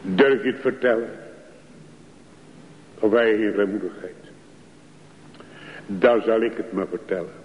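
A man preaches a sermon, slow and pleading, with a low voice that now and then rises into fervent calls. The recording is dull and muffled, with long reverb trailing off the church walls. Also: slight background noise.

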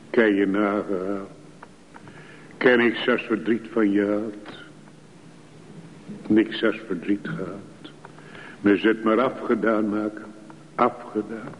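Slow-preaching man in a dull echoey church. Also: fairly low pitch, slight background noise. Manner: slow, pleading, rising to fervent calls. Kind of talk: sermon.

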